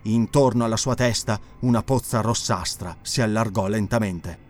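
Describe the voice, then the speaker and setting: A man reading an audiobook in a measured, expressive narration. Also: lowish voice, soft background music. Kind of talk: scripted dramatic narration.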